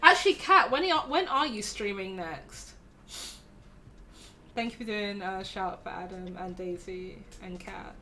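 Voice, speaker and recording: A woman hosting a livestream chats in a teasing, affectionate way and laughs often. Her pitch sits in a middling range. A faint hiss runs under her voice. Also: measured pace, sharp tone. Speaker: streamer host. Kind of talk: casual stream chat.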